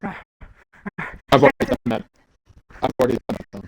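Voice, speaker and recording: A man's voice: mid-range voice, big pitch swings, moderate pace, heavy background noise. A man trash-talking in a wrestling promo role-play, boastful and swaggering.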